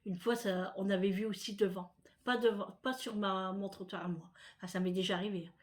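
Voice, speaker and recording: A woman's voice: mid-range voice, fairly even intonation, fairly quick. A middle-aged woman from France chatting casually to her viewers, rambling with many fillers and little asides. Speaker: vlogger. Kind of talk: casual chat to camera.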